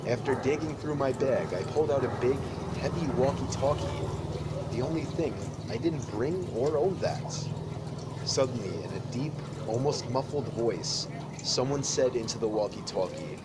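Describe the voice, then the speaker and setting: A man reading a scripted horror story in an even, measured way. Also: medium pitch. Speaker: narrator. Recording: loud background noise. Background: loud noise.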